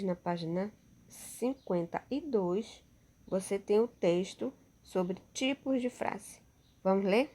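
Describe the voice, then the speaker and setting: Woman teacher, Brazilian Portuguese accent, slow and patient delivery, recorded class. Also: medium pitch, a little mellow. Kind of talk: remote class lesson over slides.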